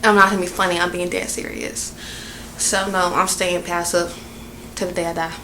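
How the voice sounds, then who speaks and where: A woman's voice: fairly low pitch, level tone, normal speed, noisy background. A young woman with a Southern American accent telling a casual storytime vlog, chatty and venting, rambling with lots of fillers while at her workplace. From Southern United States. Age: young adult. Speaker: vlogger.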